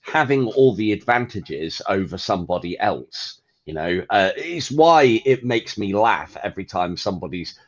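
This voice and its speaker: A man co-hosting a podcast, chatting casually and profanely about games with an animated, ranting manner. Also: fairly low pitch, moderate pace, hardly any pauses, lo-fi sound. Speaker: podcast co-host. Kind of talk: casual gaming chat.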